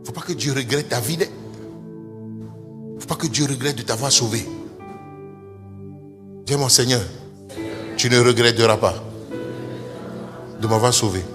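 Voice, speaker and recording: A man pastor preaching a lively sermon, speaking straight to his congregation and pushing up into high, emphatic calls, with a few English phrases mixed in. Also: a little slow, pauses often, in a large hall, music in the background. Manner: mixes in short English phrases. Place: church service.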